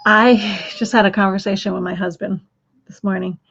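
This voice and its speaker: A woman hosting a live stream rambles, repeating words and restarting sentences, her medium-pitched voice full of gravelly fry with a husky edge. Her delivery is flat, her pace moderate, and the tone a bit bright, while the stream audio sounds dull and lo-fi.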